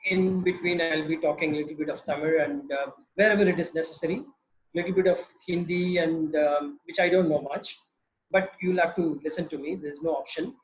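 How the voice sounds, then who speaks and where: A man with a fairly high voice and a South Indian accent speaks informally to an online audience. He sounds slightly nervous, pausing and restarting in a conversational, joking manner. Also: fairly even intonation, poor audio. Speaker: webinar speaker. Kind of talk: informal talk on books.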